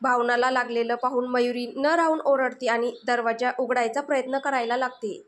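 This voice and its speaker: A woman storyteller giving steady, dramatic scripted narration of a tale. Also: fairly high pitch, normal speed.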